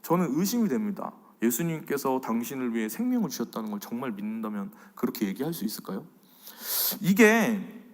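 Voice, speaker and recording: A man in his thirties preaching a faith lecture as a pastor, animated, swinging between loud and soft. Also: fairly high pitch, in a large hall. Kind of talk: sermon-style faith lecture.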